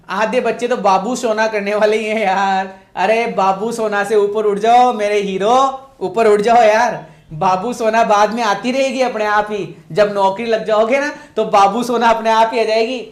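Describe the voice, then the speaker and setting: A man's voice: high-pitched, fairly even intonation, unhurried, echoey room. A male teacher running an online English grammar class, repeating questions, praising and scolding his students.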